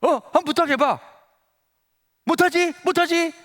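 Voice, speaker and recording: A man's voice: wildly swooping pitch, moderate pace, gravelly, a bit bright, slightly rough, full character voice. A man voicing a scoffing teenage boy classmate who mocks and taunts. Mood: taunting. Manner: taunting, high-pitched jeering. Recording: reverberant church hall.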